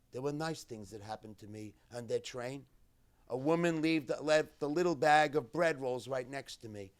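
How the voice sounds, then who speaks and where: A cantor giving a keynote address at a memorial gathering, retelling a survivor's story in the first person with a measured, deliberate delivery in short phrases. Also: male voice, a little high.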